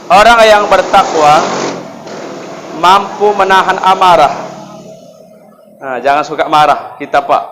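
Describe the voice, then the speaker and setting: A man preaching at a mosque gathering, telling stories lively and asking the congregation rhetorical questions. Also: high voice, a little hiss or hum, poor audio. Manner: acts out quoted dialogue in shifting voices. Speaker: Islamic preacher. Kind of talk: sermon at a mosque fast-breaking gathering.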